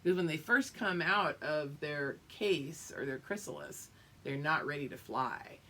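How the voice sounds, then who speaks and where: There's slight background noise behind this low-pitched woman's voice. As a teacher, she reads a picture book aloud to little ones, lengthening the story expressively and pausing to explain and check in.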